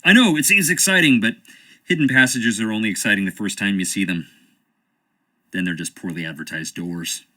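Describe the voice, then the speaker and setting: In this video game voice acting clip, a man speaks a little fast with a fairly low, sharp-toned voice. He plays a charming, evasive young stage actor with an American accent, wry and theatrical as he sidesteps questions.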